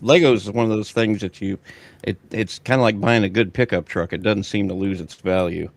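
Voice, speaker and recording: Low voiced american dude rambling on a podcast, dry close mic. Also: male voice, fairly even intonation, brisk, no echo. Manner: rambling, folksy, restarts often. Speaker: podcast co-host. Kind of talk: casual chat.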